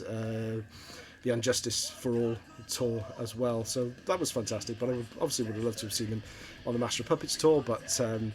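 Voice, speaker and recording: A man's voice: mid-range voice, darkish tone. A middle-aged man from Wales, chatting casually and hesitantly through a show-and-tell of his record collection. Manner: rambling, hesitant, many ums and restarts. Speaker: vinyl collector vlogger.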